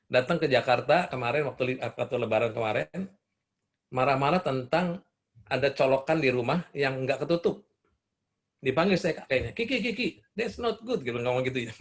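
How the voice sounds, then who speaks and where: An older man speaking at a parenting seminar, telling stories and asking the audience questions. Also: medium pitch. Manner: asks the audience questions, warm storytelling. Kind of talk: seminar talk answering questions.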